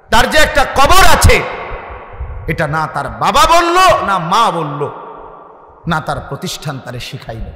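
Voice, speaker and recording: Fervent preacher in echoey hall. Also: male voice, high-pitched. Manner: impassioned, rising to loud chanted peaks; calmer, stern when addressing the audience. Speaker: Islamic preacher. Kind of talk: Bengali waz sermon. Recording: echoey hall with long reverb.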